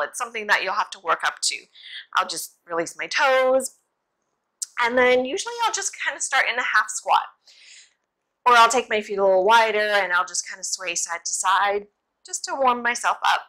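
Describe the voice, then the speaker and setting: A woman's voice: on the high side, sharp tone, poor audio. A young woman giving a casual, instructional exercise demonstration in an informal, reassuring and encouraging manner, as a yoga teacher would.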